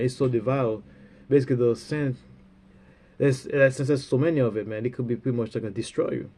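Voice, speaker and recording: With a stuffy, runny nose, a religious speaker gives a rambling spiritual talk in a medium-pitched, dark voice. He halts often, leans on fillers, and tends to close phrases with "man".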